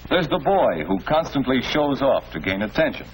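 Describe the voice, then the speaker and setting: This patient, avuncular school principal or teacher from a 1940s educational film is voiced by an actor with an American accent, explaining things with fatherly, instructive calm. He speaks at a normal speed in a natural, sing-song medium pitch, with the noisy soundtrack typical of old film.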